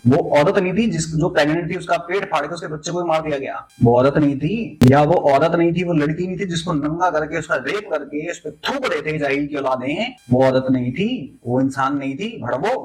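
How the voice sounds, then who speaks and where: Ranting male commentator, fairly high voice. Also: fairly quick, low-quality recording. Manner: insulting, ranting, confrontational. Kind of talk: angry reaction commentary.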